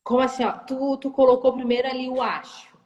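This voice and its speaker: A woman, a guest in a live-stream interview, talking in an animated way and acting out sales calls. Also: high voice, brisk, in a large hall, highs cut off. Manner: animated, acts out phone calls and sales talk. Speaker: entrepreneur guest. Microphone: phone or video call.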